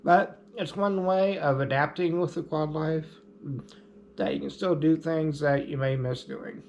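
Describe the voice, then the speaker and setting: A man speaking in a casual, explanatory vlog style, unhurried and easygoing. His voice sits slightly high and carries a gravelly edge. Faint room noise sits behind him. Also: fairly even intonation, darkish tone. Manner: easygoing, plainspoken, lightly humorous. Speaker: vlogger.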